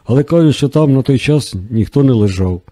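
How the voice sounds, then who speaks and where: A man's voice: mid-range voice, animated, a little fast, mellow, no room sound, pitched above the performer's own voice, close to an everyday voice. Weary nurse, read by a man. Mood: flustered. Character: weary female night-shift nurse, flustered. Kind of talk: audiobook character reading.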